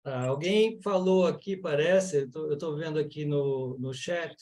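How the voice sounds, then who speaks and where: A man's voice: on the high side, a little slow, darkish tone. Brazilian man teaching on a video call. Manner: earnest, explanatory, with many fillers. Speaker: yoga and mantra teacher. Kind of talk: online lecture and Q&A.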